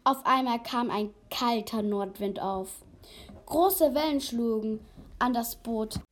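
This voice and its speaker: A woman's voice: fairly high pitch, takes it slowly. A woman reading a fable aloud carefully, with small slips. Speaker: reader.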